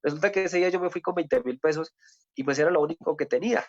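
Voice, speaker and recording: A Colombian man tells his faith testimony earnestly, checking in with his listeners and circling back over his words. His voice sits a bit high for a man. The recording is dry and somewhat dull, with little room sound. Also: fast talker, dry recording. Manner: earnest, with repeated rhetorical "¿sí?" and restarts. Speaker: testimony speaker.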